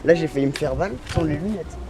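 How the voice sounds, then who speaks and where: A man's voice: fairly high pitch, fast, over a noisy crowd. A man casually presenting a parkour vlog outdoors, thinking aloud in fragments. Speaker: parkour video creator and presenter. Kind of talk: casual vlog commentary while doing stunts. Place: outdoors in sunshine. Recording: loud music over the voice.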